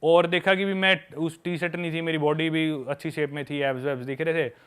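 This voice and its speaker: Brisk and clean-toned, with a fairly high pitch, a young man shares candid tales from his travels during a casual podcast chat. He's a guest who makes travel videos, and he speaks in a lively way, calling the listener "brother."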